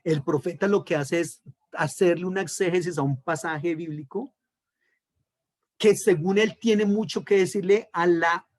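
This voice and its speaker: Emphatic Colombian pastor lecturing. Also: male voice, high-pitched, unhurried, no echo. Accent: Colombian Spanish. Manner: emphatic, checks in with frequent "¿listo?". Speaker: pastor and theology teacher. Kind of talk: online class lecture.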